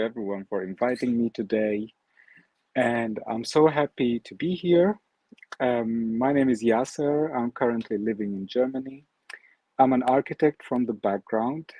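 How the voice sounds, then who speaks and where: In an online talk with slides, a guest speaker whose native language is Arabic presents his art project, frequently pausing on ums and starting over. His mid-range voice sounds mellow, with no echo, on a dry and dull lo-fi recording.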